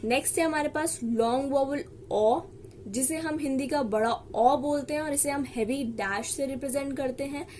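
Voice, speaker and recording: A woman's voice: high voice, darkish tone, slight background noise. A woman shorthand teacher, explaining each example word patiently and saying it again as she writes it. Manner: slow, patient, repeats example words while writing. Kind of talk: classroom lesson.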